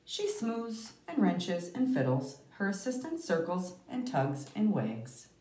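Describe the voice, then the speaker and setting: Echoey, expressive woman reading to children. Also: lowish voice, takes it slowly. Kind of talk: expressive picture-book read-aloud with asides to children. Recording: roomy, echoey, distant microphone.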